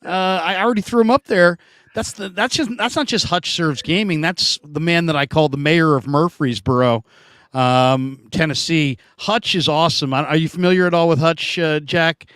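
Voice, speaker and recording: A man hosting a casual sports talk show, animated and jumping up in pitch for emphasis. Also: normal speed, smooth, dry recording, studio quality.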